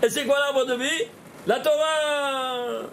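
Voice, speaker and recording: A man teaching a Torah lesson as a rabbi, lively and questioning, talking straight to his listeners. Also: very high voice, takes it slowly, slight background noise. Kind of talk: animated Torah lesson with gematria.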